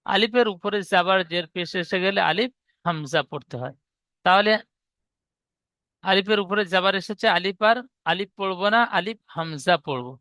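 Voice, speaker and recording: Male teacher, high and bright, clean dry sound, patient and repetitive in his explanations. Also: dry recording. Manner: patient, repeats each rule slowly. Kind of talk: teaching Arabic letter reading.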